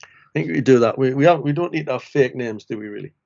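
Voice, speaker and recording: A man's voice: medium pitch, quick pace, gravelly, darkish tone. A man chatting casually over beers, rambling and joking, with frequent restarts and tag questions. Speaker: social worker podcast co-host. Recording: muffled lo-fi recording.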